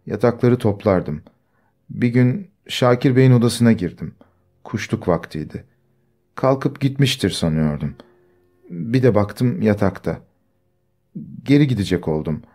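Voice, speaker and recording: A man reading the part of a young village woman who quietly tells of being wronged, in a soft, timid way. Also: medium pitch. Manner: quiet, timid, restrained storytelling.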